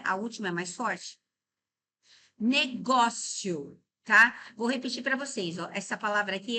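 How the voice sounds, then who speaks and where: Brazilian woman, middle-aged teacher; bright, fairly high voice; didactic, checks in constantly, drags out words to split syllables. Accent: Brazilian Portuguese. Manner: slows and stresses words to break them into syllables. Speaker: Portuguese teacher. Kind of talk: exam-prep grammar lesson.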